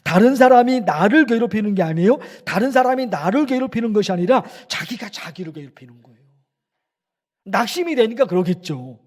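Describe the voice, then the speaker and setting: A middle-aged male pastor preaching to his congregation, swinging between emphatic lines and hushed ones and repeating phrases for emphasis. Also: high-pitched, animated, fairly quick. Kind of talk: sermon. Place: church sanctuary.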